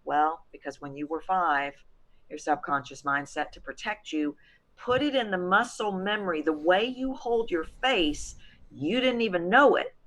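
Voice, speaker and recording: Animated low-voiced woman voice coach. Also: moderate pace. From Texas. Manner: animated, emphatic storyteller. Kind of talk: expert guest in an interview.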